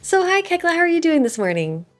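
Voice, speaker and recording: A woman's voice: very high voice, very animated, fast talker, faint music behind. A young woman hosting a podcast, reading sponsor notes and chatting with a guest in a bubbly, enthusiastic way. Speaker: podcast host. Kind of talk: podcast host read and interview.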